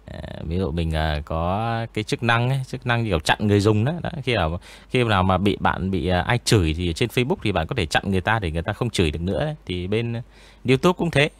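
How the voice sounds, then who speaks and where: A man's voice: on the low side, quick pace. A man who narrates ghost stories, chatting casually in an interview with many fillers. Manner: relaxed, rambling, many fillers.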